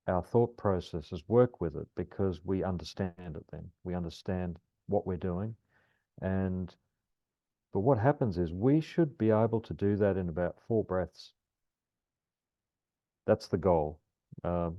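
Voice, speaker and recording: Deep-voiced man leading a calm grounding exercise. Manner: calm, gentle, soothing instruction. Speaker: guided meditation teacher. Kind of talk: calm guided grounding meditation. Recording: roomy, slightly dull lo-fi sound.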